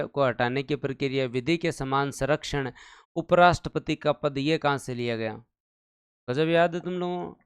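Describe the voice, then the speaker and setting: In a live online exam-prep lecture, a male teacher from India quizzes his viewers over and over and chants numbers for drilling. His voice sits somewhat high, with a clean tone.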